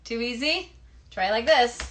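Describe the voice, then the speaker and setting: In an interactive kids' play session, a woman with a high, fairly bright voice talks a little slowly as she teaches and sings a hand game. Hosting a children's live show, she gives the children encouraging, instructive directions. Clicks and noise mark the live stream.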